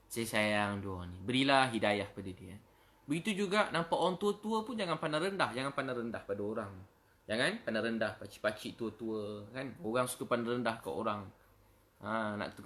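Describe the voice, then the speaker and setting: Bright-voiced Malaysian preacher man, emotional. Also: mid-range voice. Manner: emotional, storytelling, acts out pleas and prayers. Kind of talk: emotional religious talk.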